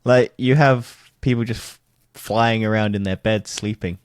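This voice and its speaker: A man's voice: lowish voice, steady tone, unhurried, smooth, dry recording, studio quality. A man co-hosting a casual podcast, rambling, swearing and laughing as he goes. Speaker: podcast co-host. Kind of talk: casual chat.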